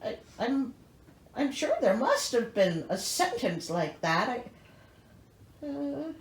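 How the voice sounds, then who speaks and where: A woman hosts a storybook reading, delivering the fairy tale theatrically and breaking in with sarcastic, incredulous comic asides. Her voice is a little high, with big pitch swings and a slow pace. The room sounds echoey.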